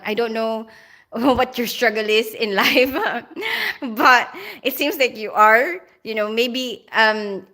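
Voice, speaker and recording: A woman's voice: on the high side, bright, forceful tone. A woman with a Filipino accent who grew up in the Philippines, chatting casually on a live stream, reading viewer comments aloud and laughing often.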